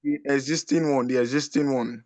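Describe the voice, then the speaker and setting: A man instructing a class over a video call, guiding slowly with hesitant, repeated phrases. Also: medium pitch, fairly even intonation, darkish tone, no room sound. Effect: heard over a video call. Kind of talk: live online class.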